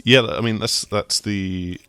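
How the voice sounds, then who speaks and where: A man explaining a video game in a relaxed, rambling co-host chat, full of fillers and restarts. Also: lowish voice, slow pace, smooth, no room sound. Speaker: games journalist co-host. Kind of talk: casual gaming discussion.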